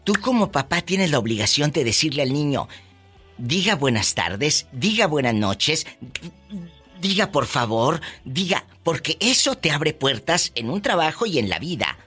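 A radio host with a Mexican Spanish accent, chatting with callers in a theatrical, flamboyant way. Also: male voice, on the high side, sing-song, unhurried, sharp tone, husky, faint music behind. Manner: theatrical, flamboyant, preachy asides. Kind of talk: radio call-in chat.

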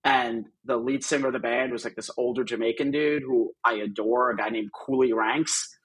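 A man's voice: medium pitch, fairly even intonation, normal speed, fairly bright tone, slightly rough, rough recording. A middle-aged man, a guest on a podcast, telling stories about his career in a casual, rambling way with lots of fillers. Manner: chatty, rambling with many asides and fillers. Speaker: guest, artist manager. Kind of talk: casual interview storytelling.

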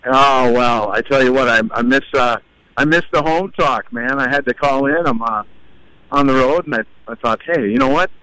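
A man's voice: medium pitch, moderate pace, bright, forceful tone, smooth, dry recording, poor audio. A man calling in over the phone to a talk show, chatting casually and freely with fillers. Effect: heard over the phone. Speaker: caller. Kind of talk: call-in chat.

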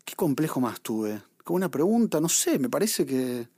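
A man from Argentina with an Argentine accent, co-hosting a casual podcast chat with halting restarts. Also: on the high side, very animated, darkish tone, slightly rough, no room sound. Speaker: podcast co-host.

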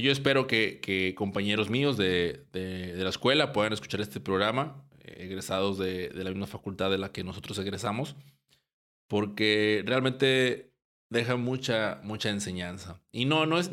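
A young man from Mexico, hosting a casual podcast and talking in a relaxed, rambling way with many restarts. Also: lowish voice, moderate pace. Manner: relaxed, rambling with frequent restarts and short laughs. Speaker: podcast host. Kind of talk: casual podcast intro and interview.

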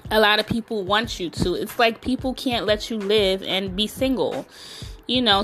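A woman's voice: medium pitch, a bit bright. A woman hosting a casual solo podcast as a self-love coach. She talks in a direct, emphatic way and keeps saying "you know".

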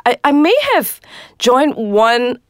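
A woman's voice: fairly high pitch, slow pace, smooth, dry recording, clean studio sound. A woman with a Singaporean accent chatting casually and playfully as a co-host, speaking colloquial Singlish. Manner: colloquial Singlish with particles like lah; giggly, playful. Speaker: co-host of a fitness discussion show. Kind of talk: casual chat.

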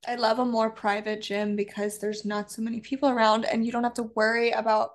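A woman's voice: fairly high pitch, little pitch movement, brisk. A woman with a Chicago accent and Midwestern vowels, chatting casually as a podcast co-host in an informal way peppered with "like". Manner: informal, frequent "like".

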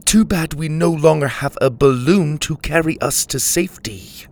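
A man's voice: on the high side, normal speed, voice pushed up, natural voice. A man voicing a stern, proud young woman pilot in a storybook reading, curt and commanding. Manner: curt, authoritative.

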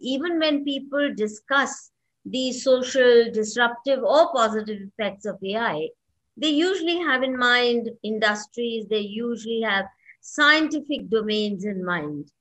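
A woman with an Indian accent speaks in a fairly high voice. She acts as an interviewer, framing questions for her guest. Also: expressive, a little slow, fairly bright tone, rough recording.

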